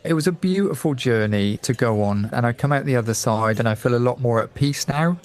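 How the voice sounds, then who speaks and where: A middle-aged man from England, a guest on a radio talk show, telling a personal story in a lively way and acting out the voices of people he quotes. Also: medium pitch, a little fast.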